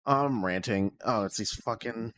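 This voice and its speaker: A man's voice: fairly low pitch, measured pace, fairly bright tone. A man co-hosting a casual podcast, rambling and exasperated as he rants, with lots of fillers, heard through his mic on an online call. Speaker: podcast co-host. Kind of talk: casual chat.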